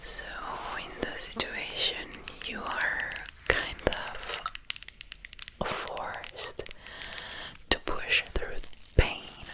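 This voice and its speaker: A woman whispering softly and very close into a binaural mic in an ASMR talk, with deliberate pauses. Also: rough recording. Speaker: ASMR creator. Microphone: close binaural microphone, ear to ear.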